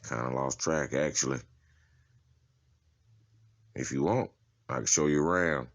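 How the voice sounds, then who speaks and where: An unhurried, extremely low-voiced man plays a streetwise adult inmate guiding a prison tour for a comic-book-style drama. His phrasing is relaxed, full of slang and profanity, and his mood comes off wry and matter-of-fact.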